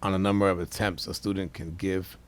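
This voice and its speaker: A man's voice: low-pitched, level tone, brisk. A man co-hosting a podcast with casual banter and slangy frat-bro talk. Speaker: podcast co-host.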